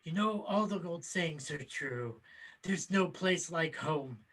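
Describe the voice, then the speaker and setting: Man playing a slow, bright-voiced sentimental uncle. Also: a little high, animated, exaggerated voice, rough recording. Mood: wistful, contented. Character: sentimental, easygoing uncle of a macabre comic family. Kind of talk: amateur table read of a film comedy.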